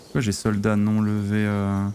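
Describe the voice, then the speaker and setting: A man streaming a strategy-game role-play, talking through his moves in an excitable, exclamatory way. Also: lowish voice, moderate pace, noisy background. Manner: excitable, exclamatory, thinks aloud.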